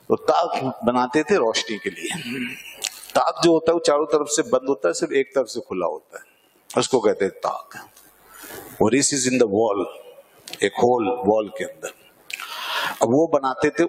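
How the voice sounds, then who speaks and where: Urdu-speaking scholar man in a reverberant hall. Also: mid-range voice. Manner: explanatory, asks and answers own questions; slows to recite Arabic verse. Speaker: Islamic scholar. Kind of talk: religious lecture on Quranic verse.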